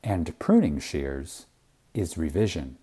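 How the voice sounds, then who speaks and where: A man with an extremely low, mellow voice and a breathy edge gives a very animated reading of an inspirational spiritual lecture. He sounds reverent and dramatic, pausing at length and hitting words hard.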